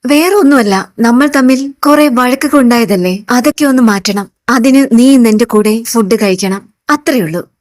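A woman's voice: a little high, normal speed, a little mellow, no echo, clean studio sound, close to an everyday voice. A woman reading the lines of a scheming young man who pushes a woman to dine with him, in a coaxing, pushy way.

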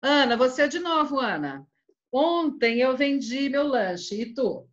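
A middle-aged woman teaching Portuguese in an online class, drilling verb conjugations, calling on students by name and praising them briskly. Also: high voice, big pitch swings. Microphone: video call. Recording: dull, lo-fi video call audio.

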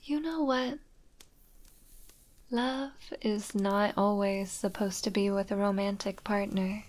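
A woman voicing a gentle witch matchmaker in an ASMR roleplay, speaking in a calm, soothing whisper. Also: mid-range voice, takes it slowly, natural voice.

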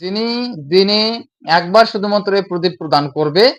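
A man's voice: high-pitched, fairly quick, muffled recording. A man giving devotional instruction, explaining each step and repeating himself, and often reciting a chant. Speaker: devotional teacher. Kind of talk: religious instruction.

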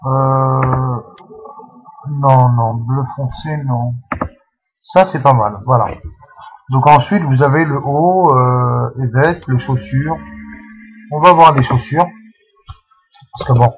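Slow, hesitant man walking through a game. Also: medium pitch, highs cut off. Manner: hesitant, full of fillers and restarts. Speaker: channel host explaining a game. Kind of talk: casual screen-recorded game tutorial.

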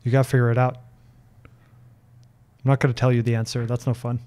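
He talks fast in a dark, mid-range voice with little pitch movement. A thirty-something Norwegian speaking English as a second language, he casually fields viewer questions on a livestream from his home office, reading them aloud and rambling with frequent ums and restarts into a close desk broadcast mic.

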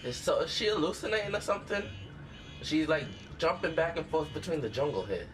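A man's voice: a little high, lively intonation, a little fast, background noise. A man giving let's-play commentary, talking back at the screen and cheering the character on. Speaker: gaming channel host.

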